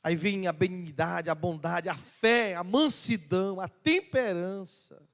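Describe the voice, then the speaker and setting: High-voiced preaching man in reverberant church. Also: unhurried. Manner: impassioned preaching with rising emphasis and questions to the congregation. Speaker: pastor. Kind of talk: sermon. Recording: long reverb of a church hall.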